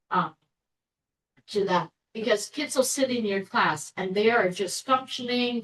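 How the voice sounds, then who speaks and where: A woman school board member explaining her view in a meeting discussion, in a thoughtful way with fillers. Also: medium pitch. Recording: echoey room, distant mic.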